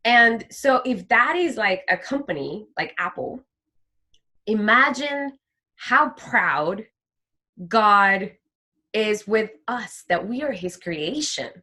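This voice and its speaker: A woman talking as an interview guest about her faith, animated and heartfelt, often acting out the voices she quotes. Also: mid-range voice, slow. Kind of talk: heartfelt faith testimony in conversation.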